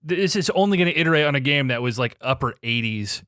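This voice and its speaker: A man's voice: medium pitch, animated, fast, pushed and bright, no room sound, studio quality. A man co-hosting a gaming podcast, laid-back and teasing, tossing in slang like dude and bro. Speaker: podcast co-host. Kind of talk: casual gaming podcast chat.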